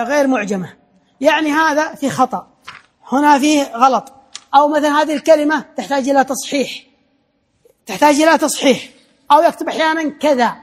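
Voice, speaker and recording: Quick high-voiced male lecturer. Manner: explanatory, repeating points, frequent restarts. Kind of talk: classroom lecture.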